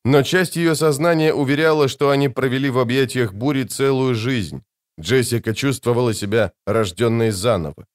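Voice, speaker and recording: Male audiobook narrator, measured and dramatic. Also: mid-range voice. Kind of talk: scripted narration.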